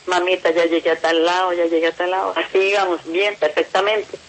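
A woman's voice: on the low side, level tone, brisk, low-quality recording. A middle-aged Colombian woman giving emotional testimony about her family, pleading and repeating herself. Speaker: interviewee, mother of a kidnapped son.

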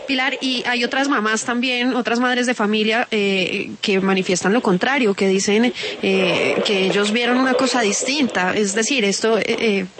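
A female radio interviewer puts her question hesitantly, pausing on fillers. Her voice sits a little high, and loud background noise runs underneath. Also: steady tone.

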